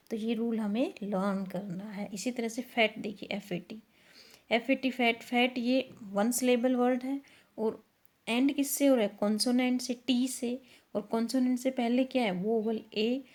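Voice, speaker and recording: A woman, teaching a grammar lesson step by step. She asks questions and answers them herself, and reads the English sentences slowly. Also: a little high, darkish tone.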